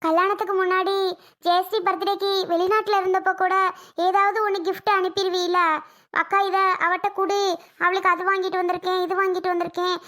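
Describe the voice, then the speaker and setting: Brief: woman doing a weepy, reproachful mum, voice pushed very high, family skit. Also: level tone, a little fast, a bit bright. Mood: crying, reproachful. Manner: crying, pleading, reproachful. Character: tearful middle-aged mother, hurt older sister.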